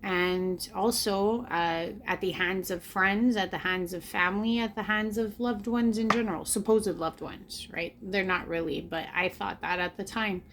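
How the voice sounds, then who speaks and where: A spiritual vlogger in her late thirties sits indoors before a camera, reflecting earnestly and confessionally on her own life, repeating phrases for emphasis. Her mid-range voice is a bit bright, at normal speed with few pauses.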